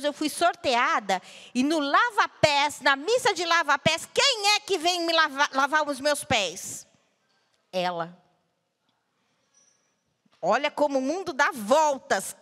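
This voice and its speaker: Woman telling a dramatic story in a hall. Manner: dramatic, swings between loud outbursts and hushed low tones. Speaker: guest speaker at a panel talk. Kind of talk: personal storytelling to an audience. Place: large hall at a cultural center. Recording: long hall reverb.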